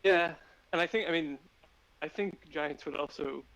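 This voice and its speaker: A man's voice: on the high side, normal speed, a bit bright, dry recording, rough recording. A man talking through board game strategy on a live stream, thinking aloud with many fillers and restarts.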